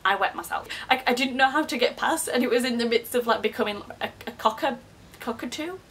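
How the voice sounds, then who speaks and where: A YouTuber in her early twenties talks casually to camera with a fairly high, somewhat bright voice and a brisk pace. Her chatty vlog is self-mocking and peppered with frequent swearing.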